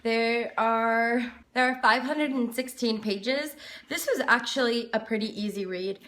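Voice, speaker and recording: A woman's voice: fairly high pitch, a little slow, fairly bright tone. A woman chatting casually and informally to camera as a book reviewer, rambling a little, recorded in an echoey room. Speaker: book reviewer, video host.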